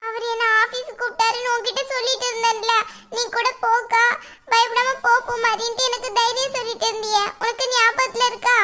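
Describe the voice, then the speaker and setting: A woman's voice: extremely high pitch, flat delivery, a little fast, bright, forceful tone. A woman voicing an anxious, tearful young married village woman in a cartoon, talking to herself in despair. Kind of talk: cartoon voice acting.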